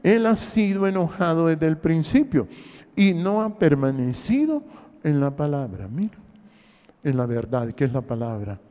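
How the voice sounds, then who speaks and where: An older man with a Honduran accent, a pastor delivering an emphatic sermon full of rhetorical questions and repeated phrases, his voice rising in loud bursts and dropping to low murmurs. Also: big pitch swings, unhurried. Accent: Honduran Spanish. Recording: long hall reverb.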